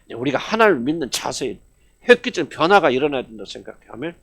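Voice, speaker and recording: Animated emphatic pastor preaching a sermon. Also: male voice, medium pitch, rapid-fire, gravelly, slightly rough. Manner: emphatic, rhetorical questions to congregation; swings between loud exclamations and hushed asides. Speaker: senior pastor. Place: church service.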